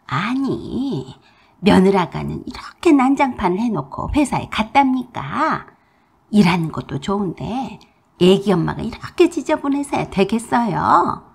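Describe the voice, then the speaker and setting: A woman playing a loud scolding mother-in-law. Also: mid-range voice, sing-song, a little slow, gravelly, husky, heavily acted. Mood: indignant. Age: older. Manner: loud, bossy, talks down in plain speech. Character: domineering older mother-in-law, shrill and scolding.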